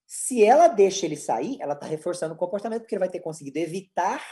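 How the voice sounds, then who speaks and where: A man's voice: high-pitched, lively intonation, rapid-fire, mellow. A man with a Brazilian Portuguese accent giving a lecture as a psychologist, teaching step by step and answering his own rhetorical questions.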